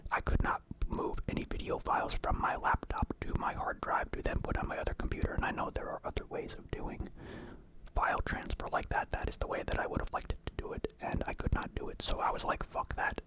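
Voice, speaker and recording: A young man whispering in a casual, halting, rambling ASMR style, close to the microphone. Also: low-quality recording. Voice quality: whispered, unvoiced. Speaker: ASMR mukbang creator. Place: indoor room at home.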